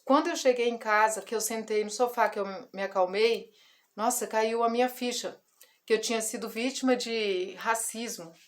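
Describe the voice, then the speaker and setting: A woman's voice: on the high side, normal speed. Woman in her forties telling a story. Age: 40s. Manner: emotional storytelling with quoted dialogue. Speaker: ministry vlogger. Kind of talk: personal testimony.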